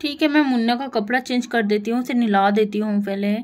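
This is a busy, caring village mother, as a woman voices her for a doll story. She talks in a coaxing, motherly way in a high, light voice, with soft music behind. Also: fairly quick, lightly acted. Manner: coaxing and motherly, fond pet names.

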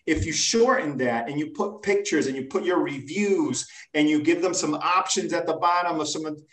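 A fairly high-voiced man in his thirties talks eagerly and casually, throwing in plenty of slang. He sounds far from his webcam, and the room around him rings with echo. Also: moderate pace, a bit bright. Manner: enthusiastic, slangy, says dude and man. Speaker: podcast guest. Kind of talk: casual video-call interview. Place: home room with bookshelves. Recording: echoey room, distant mic.

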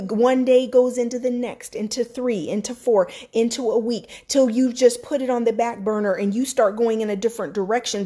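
A woman coach giving a personal motivational talk, emphatic and candid, addressing her listeners as guys and acting out her own inner voice. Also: on the high side. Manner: quotes her own inner voice in animated bursts. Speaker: business coach.

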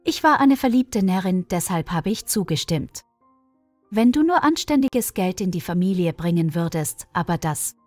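A woman's voice: fairly low pitch, very animated, normal speed, darkish tone, no echo, soft background music. A woman voicing a reproachful, insistent wife in her thirties. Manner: complaining, reproachful.

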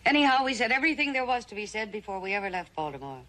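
A woman's voice: mid-range voice, sing-song, racing, sharp tone, rough recording. An actress playing a middle-aged genteel mother in a TV western, coaxing and pushy as she steers her daughter. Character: ambitious genteel mother, controlling and weary. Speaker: scheming mother. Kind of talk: 1960s TV western acting.

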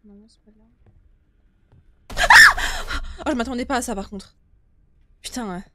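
A higher-voiced young woman streams a horror game live from a small indoor room, close to her desktop mic. She talks fairly quickly, informally and chattily, swearing, against a noisy background.

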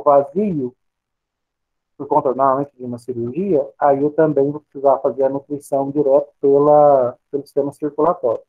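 A Brazilian Portuguese-accented man gives a recorded pharmacy lecture over slides. He asks questions and answers them himself in a fairly high voice. The sound is thin and tinny, as if through a phone line. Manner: explanatory, asks and answers his own questions.

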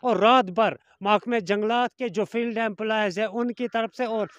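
Forceful man reporting from a forest. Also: sits high, fairly even intonation, moderate pace, dry recording, dull audio. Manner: forceful, accusing tone with formal Urdu officialese. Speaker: field reporter. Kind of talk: news report to camera. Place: outdoors in a forest. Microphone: handheld mic.

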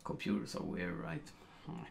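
A middle-aged Swedish man with a Swedish accent talks through a photo editing tutorial at his computer in a casual screen recording. His deep, creaky voice is animated at a moderate pace, full of ums and uhs as he thinks aloud, with a little hiss or hum.

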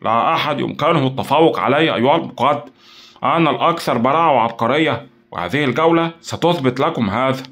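A man's voice: medium pitch, lively intonation, a little fast, pitched above the performer's own voice, lightly acted. A man voicing a sneering villain genius. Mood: boastful. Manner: sneering, taunting, boastful. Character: scheming arrogant male villain genius, mocking. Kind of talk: audio drama acting.

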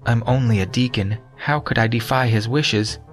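A man's voice: mid-range voice, normal speed, faint music behind, voice pushed up, natural voice. A man voicing a terrified male deacon who kneels and begs for his life in an audiobook. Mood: pleading. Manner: begging, pleading.

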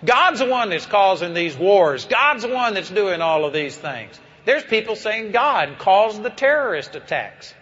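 A man's voice: high-pitched, very animated, a little slow, hardly any pauses, fairly bright tone, husky, dull audio. A man preaching a sermon to a live audience, telling a story with emphatic, rising delivery. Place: church before a live audience.

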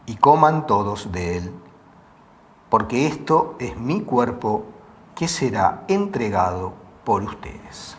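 A priest in his forties reciting the prayers of Mass in a solemn, measured way, with a lapel mic in a small chapel. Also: mid-range voice. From Uruguay. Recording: echoey chapel.

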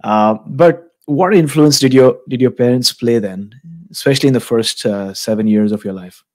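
A man in his thirties hosts a podcast interview, wearing headphones and speaking into a studio microphone in a small room. He talks in a thoughtful, measured way and affirms his guest often. His pitch is typical for a man. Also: darkish tone. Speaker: podcast host. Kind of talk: casual interview. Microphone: studio mic with headphones.

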